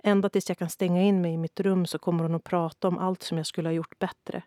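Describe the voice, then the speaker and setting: A woman's voice: lowish voice, flat delivery, no room sound, clean studio sound, natural voice. A woman voicing a shy, ashamed young boy. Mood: sad. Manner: quiet, whispering.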